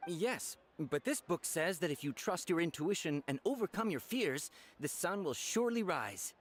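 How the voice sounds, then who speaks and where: A man's voice: fairly high pitch, expressive, normal speed, crowd noise, close to an everyday voice. An actor playing a young male fortune teller who stalls with hums and hesitates. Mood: hesitant. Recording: game audio with clear music behind.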